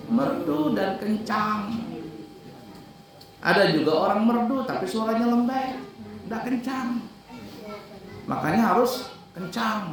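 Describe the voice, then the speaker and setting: A man's voice: sits high, fairly bright tone, a little hiss or hum. A male religious teacher at a boarding school gives a lesson on the call to prayer, asks his students whether they understand and sings examples of the call. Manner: explains in plain talk and breaks into sung calls to prayer. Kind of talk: classroom lesson on calling to prayer, with sung demonstrations. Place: classroom hall at a boarding school. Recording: echoey room, recorded from a distance.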